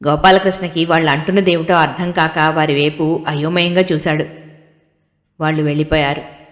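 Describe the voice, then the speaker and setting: A woman narrating an audiobook story in a steady, storytelling manner. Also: low voice, normal speed. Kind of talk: scripted narration. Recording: long hall reverb.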